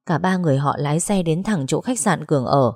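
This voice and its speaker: Low-voiced woman narrating a story. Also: a little fast. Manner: steady storytelling. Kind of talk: scripted narration.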